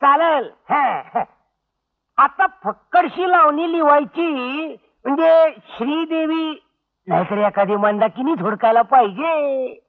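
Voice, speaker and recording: A cheeky, high-voiced village joker. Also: male voice, animated, exaggerated voice. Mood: teasing. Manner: quick, teasing, giggly banter. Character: cheeky young village man clowning about. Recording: tinny old film soundtrack.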